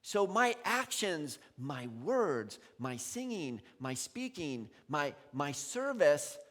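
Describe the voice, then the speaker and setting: A male pastor giving a sermon in a conversational, animated way, laughing often. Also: a little high, slow pace. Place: church sanctuary. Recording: long reverb in a large hall.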